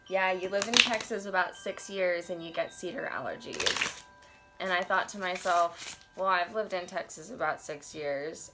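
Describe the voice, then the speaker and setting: Indoors in her cluttered bedroom, a tarot and oracle deck reviewer in her twenties casually unboxes an oracle deck, congested from allergies, thinking aloud with wandering asides and reading passages aloud. Her voice is fairly low in pitch and sounds pushed and bright.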